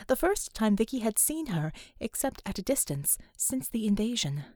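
A woman reading a story aloud as an audiobook narrator, unhurried and expressive. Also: a little high, no room sound, studio quality. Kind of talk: scripted narration.

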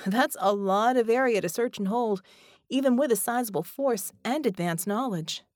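An earnest young heroine with metal skin, voiced by a woman narrator, talks in a brisk, practical, businesslike way. Her voice sits higher than the narration. The storybook recording is dry and close. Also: darkish tone, dry recording, close to an everyday voice. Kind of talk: audiobook character voice.

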